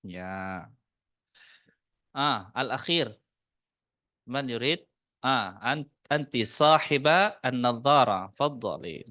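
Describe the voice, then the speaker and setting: A man with an Indonesian accent teaching an Arabic class in a mosque study room, in a casual classroom manner, mixing Arabic phrases into relaxed Indonesian with joking asides. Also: mid-range voice, takes it slowly, pauses often, dry recording, clean studio sound.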